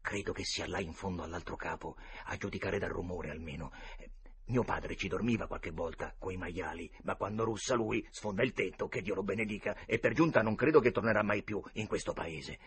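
A man's voice: sits low, fairly quick, slight background noise, close to an everyday voice. A man voicing a timid, superstitious ragged boy in an audiobook, speaking hesitantly and subdued. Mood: wary.

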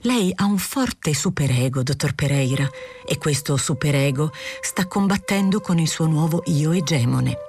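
A woman reading as a calm, frank male doctor. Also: sits low, normal speed, soft background music. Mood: earnest. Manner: calm, probing, gently lecturing.

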